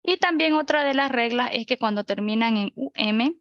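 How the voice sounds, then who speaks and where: A woman's voice: on the high side, normal speed, a bit bright, dry recording, muffled recording. A young woman teaching an online class. She goes through examples one by one and checks in with her listeners. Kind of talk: virtual grammar lecture. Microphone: video call.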